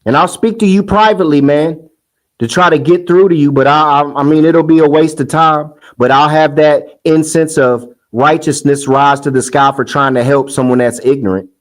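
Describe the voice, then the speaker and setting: A man's voice: fairly high pitch, steady tone, normal speed, rough recording. A man hosting a casual commentary monologue, heated and scoffing, rambling with restarts. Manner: sing-song mocking quotes. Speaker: commentary host.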